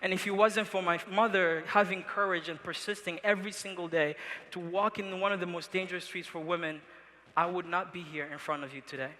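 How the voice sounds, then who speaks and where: A man's voice: sits high, steady tone, brisk, background noise. A young man from Congo giving an earnest motivational speech to a large live audience. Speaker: event speaker. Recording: reverberant large arena.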